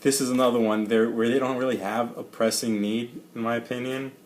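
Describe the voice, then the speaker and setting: A man co-hosting a casual sports chat, laid-back and quick to chuckle, with a slight lisp. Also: medium pitch, steady tone, slight background noise. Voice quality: slight lisp from rubber bands in his mouth. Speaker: co-host.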